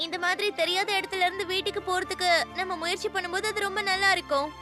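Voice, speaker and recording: A bubbly adventurous anime schoolgirl, very high voice, upbeat, background music. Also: flat delivery, fast. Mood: encouraging. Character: carefree adventurous schoolgirl, cheerful and bold. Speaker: new classmate. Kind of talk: Tamil anime dub acting. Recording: dub over background music.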